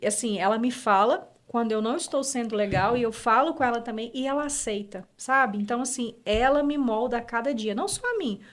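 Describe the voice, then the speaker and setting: A woman's voice: fairly high pitch, brisk, hardly any pauses. A woman, a guest, sharing a personal story in a heartfelt way with frequent fillers and restarts. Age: adult mother.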